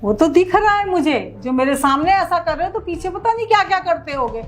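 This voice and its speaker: A woman's voice: very high voice, lively intonation, a little fast, soft background music. An actress playing a protective middle-aged mother who scolds her son-in-law for mistreating her daughter. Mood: indignant. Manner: scolding, indignant. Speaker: wife's mother.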